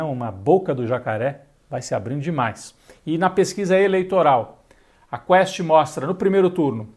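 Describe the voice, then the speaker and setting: Man, Brazilian Portuguese accent, political commentary, sardonic, somewhat high-pitched. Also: husky. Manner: opinionated, sardonic asides.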